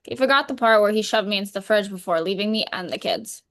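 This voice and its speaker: A worried, fed-up wife in couples counselling, acted by a woman in a role-play. She has a middle-pitched voice and speaks plainly and firmly. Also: quick pace, fairly bright tone, natural voice.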